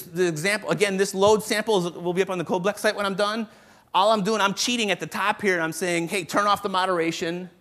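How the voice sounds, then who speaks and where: A man presenting a live programming lecture to a room of developers, brisk and joking, thinking aloud as he demos code. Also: high-pitched, fairly bright tone. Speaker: conference presenter teaching developers. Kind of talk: live technical lecture with demo. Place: conference room with live audience.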